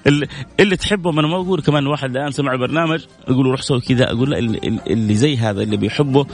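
A man's voice: medium pitch, rapid-fire, soft background music. A man hosting a radio call-in show, giving earnest family advice and reading out listener messages.

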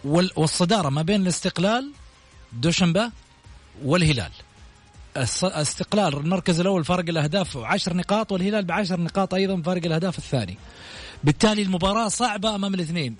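A man's voice: high voice, lively intonation, very fast, soft background music. A man hosting a radio sports show, running through league standings and questioning his guest. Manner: questioning, lists standings and results.

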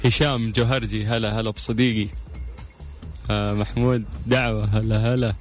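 A man's voice: lowish voice, soft background music. A man hosting a live call-in radio show, greeting listeners and chatting with callers. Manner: warm greetings, quick lively banter with callers. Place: radio studio.

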